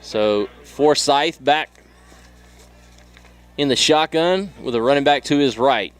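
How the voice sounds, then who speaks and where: Man calling high school football. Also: smooth. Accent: Southern US. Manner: steady, measured play-by-play. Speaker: play-by-play announcer.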